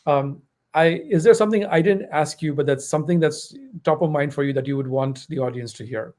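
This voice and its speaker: A man's voice: a little high, brisk, a little mellow. A man hosting a podcast interview, wrapping up with generous praise and frequent "um" fillers. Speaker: podcast host. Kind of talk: interview conversation.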